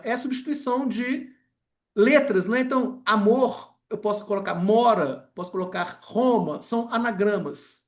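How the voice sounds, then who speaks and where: Hesitant Brazilian man giving a lecture. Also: very high-pitched. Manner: hesitant, frequent filler words and tag questions. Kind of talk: academic lecture.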